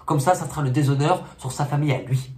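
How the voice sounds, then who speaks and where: A man putting on the voice of a bossy elder relative who scolds and lectures about family honour, in a shrill, theatrical comic bit. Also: fast, darkish tone, natural voice. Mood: scolding, comic. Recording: echoey room, faint noise.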